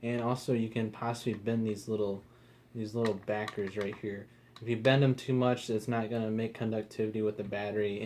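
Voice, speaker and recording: A man's voice: lowish voice, darkish tone, slight background noise. A man giving a casual, rambling product review, swearing now and then.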